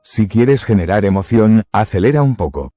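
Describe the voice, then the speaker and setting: A man giving scripted motivational narration in a measured, emphatic way, close to the mic. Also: on the low side, animated, dark tone, no echo, soft background music.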